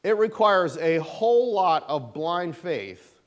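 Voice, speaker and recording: A middle-aged man teaching a church Sunday school class in a casual, animated, folksy way, with a sarcastic edge and lots of fillers. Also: high-pitched, takes it slowly.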